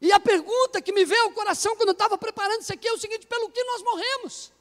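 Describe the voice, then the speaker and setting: A Brazilian man, a pastor, preaching a sermon in a church in an animated way full of jokes. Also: very high voice, rapid-fire. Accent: Brazilian Portuguese. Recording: long church hall reverb.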